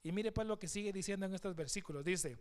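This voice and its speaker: Male pastor, high smooth voice, reads scripture aloud, questions the room. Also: quick pace. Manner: asks the congregation questions. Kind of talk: sermon. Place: church.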